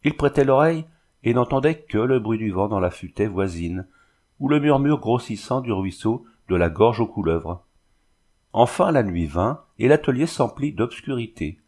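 A man reading a novel aloud as steady scripted narration, lifting his voice a little for the characters' lines. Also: medium pitch, normal speed. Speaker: audiobook reader.

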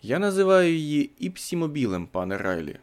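A man's voice: a little high, big pitch swings, a little fast, darkish tone, clear, resonant tone, pitched above the performer's own voice. A man doing an eager young inventor.

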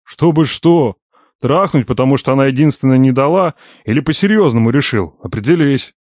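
A man's voice: medium pitch, brisk, darkish tone, dry recording, studio quality, lightly acted. A man doing a nosy, needling old uncle. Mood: pressing. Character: probing teasing older uncle, shrewd, wry.

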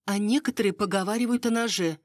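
A woman's voice: medium pitch, fast, dry recording, clean studio sound, voice pushed up, close to an everyday voice. A woman reading the part of a proper unmarried lady at court who is earnest and easily shocked. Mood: indignant.

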